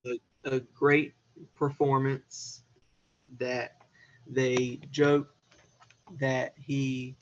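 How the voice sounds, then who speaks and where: A man speaking as a podcast guest in a casual film chat, relaxed and measured, pausing between phrases. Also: mid-range voice. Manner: relaxed, measured, with pauses and fillers. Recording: dull lo-fi sound.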